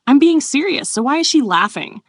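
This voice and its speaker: A woman's voice: high voice, sing-song, a little fast, no room sound, pitched above the performer's own voice. A woman reading the part of a blunt, earnest young male duke in a plain, raised voice.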